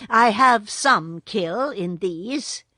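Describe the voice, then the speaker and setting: A woman's voice: medium pitch, expressive, drawn-out words, sharp tone, no echo, heavily acted. A woman voicing Mowgli, an earnest young boy raised by wolves, speaking in an eager, raised voice.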